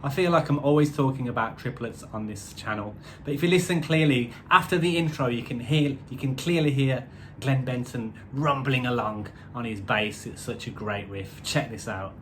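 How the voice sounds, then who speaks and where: A man's voice: mid-range voice, normal speed, a bit bright, slight background noise. A man giving a casual, rambling album review with wry asides, using musician's terms like semiquavers and odd time signatures.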